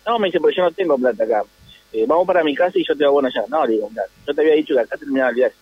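A man's voice: a little high, very fast. A man with an Argentine Spanish accent, a taxi driver telling his story over the phone, rambling and repeating little tag phrases. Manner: rambling, repeats "le digo" and "¿viste?". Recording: tinny phone line.

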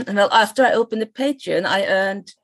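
In a dry recording, a middle-aged Norwegian woman with a mid-range voice speaks English at normal speed, her Norwegian accent clear. As a guest in a casual interview, this lecturer on Norse myth comes across as thoughtful but hesitant, with frequent restarts and laughter.

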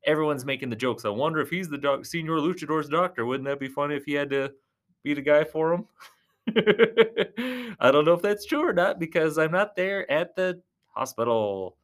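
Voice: mid-range voice, animated, normal speed, close to an everyday voice. A performer voicing a goofy clown who commentates on thumb wrestling, with a rambling, giggly, joking delivery. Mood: chatty. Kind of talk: comic sports commentary.

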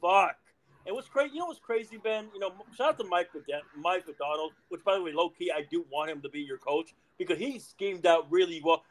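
A man's voice: high-pitched, lively intonation, a little fast, hardly any pauses, a little hiss or hum. A young man hosting a casual sports podcast, teasing his co-host with playful questions.

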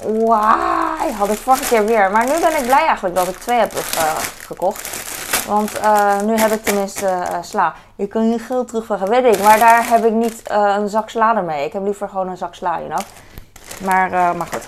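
A woman's voice: mid-range voice, normal speed, background noise. A woman in her thirties, a mother, chatting casually and hesitantly while showing her grocery haul. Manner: chatty, rambling, many hesitations. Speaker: vlogger.

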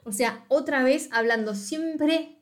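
A young woman with a Rioplatense accent, talking in a somewhat high voice in a casual podcast chat. She is blunt and sarcastic and swears freely as she picks a film apart. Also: takes it slowly. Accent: Rioplatense Spanish. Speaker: podcast co-host reviewing a film.

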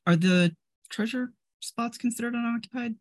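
A woman chatting casually as a tabletop game player, halting as she thinks aloud. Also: a little high, darkish tone, no room sound.

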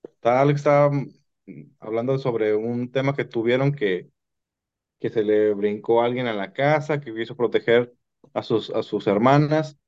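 A man's voice: mid-range voice, moderate pace, a little mellow. A man with a Mexican Spanish accent, rambling through paranormal stories in casual chat and restarting his sentences often. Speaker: podcast guest telling paranormal stories. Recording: dull lo-fi sound.

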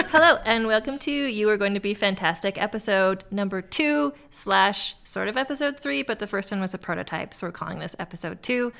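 A woman's voice: mid-range voice, expressive, fairly quick, gravelly, fairly bright tone. A woman co-hosting a podcast, introducing the show in a casual, conversational way. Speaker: podcast co-host.

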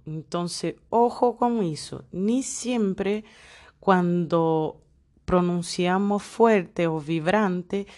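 A woman gives a Spanish pronunciation lesson. She speaks at a very slow, careful pace in a fairly low voice. She reads example words out one at a time. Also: a little mellow. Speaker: Spanish teacher.

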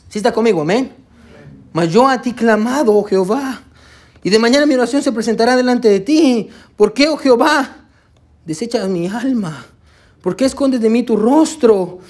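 A man preaching a sermon as a pastor, full of rhetorical questions and direct appeals to his listeners, slowing down to stress key words. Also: high voice, a little mellow.

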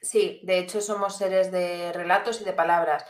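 A woman's voice: on the low side, steady tone, moderate pace. Joking, laughing woman in a roomy space. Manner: laughs often, loose and joking. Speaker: guest philosopher answering questions. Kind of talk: casual chat. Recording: roomy echo with faint noise.

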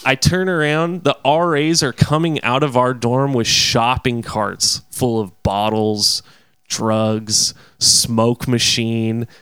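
A young man telling a wild story in a casual, profane, animated way, often laughing between phrases. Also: mid-range voice, takes it slowly, smooth, no echo.

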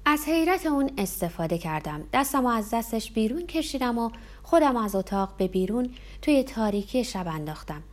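A woman's voice: fairly high pitch, big pitch swings, darkish tone. A woman narrating a tense first-person story as an audiobook reader.

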